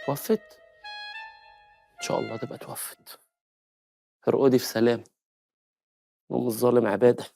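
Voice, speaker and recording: An actor playing a scheming, flustered Egyptian husband who stammers and mutters asides in a comedy film. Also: male voice, mid-range voice, steady tone, fairly quick, vocal fry, long pauses, dark tone, faint music behind. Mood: muttering. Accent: Egyptian Arabic. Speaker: comic actor.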